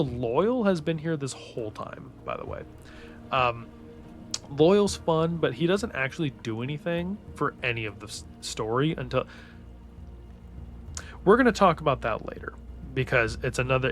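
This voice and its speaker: A young man casually recapping a fantasy book in an animated, profane and slangy way. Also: medium pitch. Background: faint background music.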